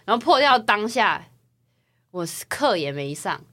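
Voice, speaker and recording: A young woman from Taiwan, co-hosting a casual podcast chat and telling personal stories in a chatty, animated way. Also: mid-range voice, measured pace. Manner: chatty, animated storytelling with rising excitement. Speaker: podcast co-host.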